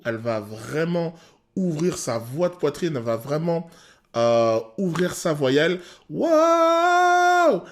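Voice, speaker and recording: A male vocal coach talks through a song's technique in detail, often pausing on "euh". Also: fairly high pitch. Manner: technical and animated, many "euh" pauses. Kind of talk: explanatory song analysis.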